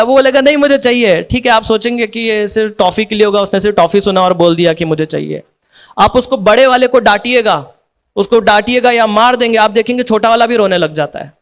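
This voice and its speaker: A man giving a devotional talk in a relaxed, conversational way, with a strikingly high-pitched voice. He explains through everyday examples and keeps turning to his listeners for agreement. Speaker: devotional speaker. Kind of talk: devotional lecture.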